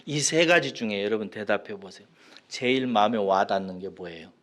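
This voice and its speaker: A man preaching a sermon as pastor, asking the congregation questions and swinging from loud cries down to near whispers. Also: lowish voice, brisk. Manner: asks the congregation questions and acts out a child's cries.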